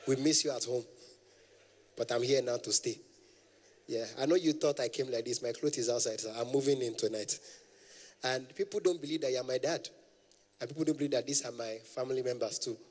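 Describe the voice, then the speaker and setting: A man's voice: medium pitch, a little fast, long pauses, darkish tone, long reverb tail. A young adult man with a Nigerian accent, doing stand-up comedy as an event MC, playful and formal with the audience.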